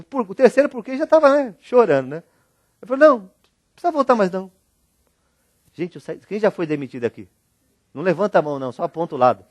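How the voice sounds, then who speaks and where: Middle-aged Brazilian man, motivational speaker on stage; lively, jokey storyteller, slightly high voice, dry close sound. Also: dry recording. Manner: animated, jokey, addresses audience directly. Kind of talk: storytelling keynote talk.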